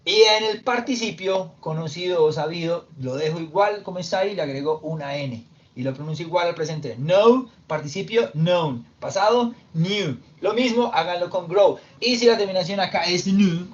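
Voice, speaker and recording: A man teaching English verb forms, explaining slowly and step by step in Spanish with English examples. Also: a little high. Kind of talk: recorded classroom lesson. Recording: dull lo-fi sound with faint background noise.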